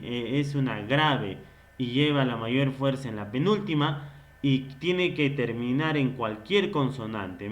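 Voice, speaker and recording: A man's voice: medium pitch, fairly bright tone. A man teaching a grammar lesson. He asks questions and then answers them himself. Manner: slow, stretched-out explaining.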